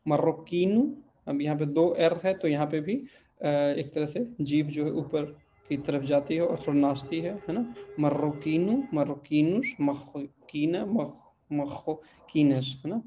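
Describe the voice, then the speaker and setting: Patient teacher drilling word forms. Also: male voice, fairly high pitch, mellow. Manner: patient, repeats word forms slowly, checks in with "ठीक है". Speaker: Portuguese language teacher. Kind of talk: online language lesson.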